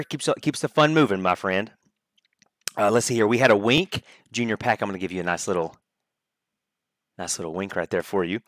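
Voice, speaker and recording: A man's voice: fairly low pitch, no room sound, studio quality. A young man livestreaming, chatting jokily through gameplay commentary and laughing often. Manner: excitable, laughs often, jokey.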